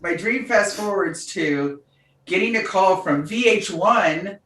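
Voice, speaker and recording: A woman's voice: medium pitch, takes it slowly, slight background noise. A woman co-hosting a podcast, chatting casually and telling a story with frequent laughter. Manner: animated storyteller, laughs often. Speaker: podcast co-host. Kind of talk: casual chat. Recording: roomy, distant mic.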